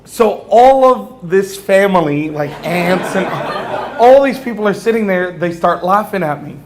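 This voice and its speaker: A man's voice: high-pitched, animated, unhurried. A religious speaker, a man, telling a humorous personal story to an audience, acting out the dialogue and often laughing.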